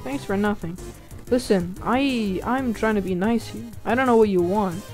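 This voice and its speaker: A woman chats through a video game in a casual let's-play, reading the on-screen text aloud and reacting in short asides. Her voice sits at an ordinary middle pitch. Faint game music plays behind her. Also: normal speed, darkish tone. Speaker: gaming channel host.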